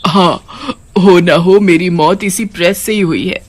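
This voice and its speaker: A woman's voice: on the low side, fairly even intonation, a little slow, no room sound. A woman voicing a grieving mother who has become a witch ghost, pleading and motherly in a cartoon story. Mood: startled.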